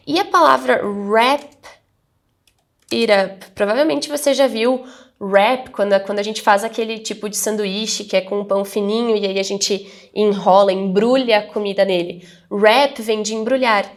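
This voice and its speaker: A woman from Brazil teaching English phrases, saying each English phrase slowly and carefully before explaining it at a quicker pace. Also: a little high.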